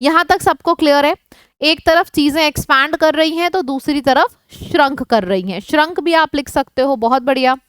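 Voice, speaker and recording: A woman's voice: sits high, moderate pace, no echo, studio quality. A woman teaching English vocabulary in Hindi for an online exam class. She speaks with an Indian accent, mixes Hindi and English, asks the class questions, and repeats lists of synonyms. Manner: switches between Hindi and English.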